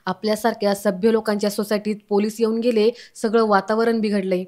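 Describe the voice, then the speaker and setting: A man's voice: sits high, flat delivery, brisk, darkish tone, natural voice. A woman voicing a judgmental, self-righteous neighbour man from the society.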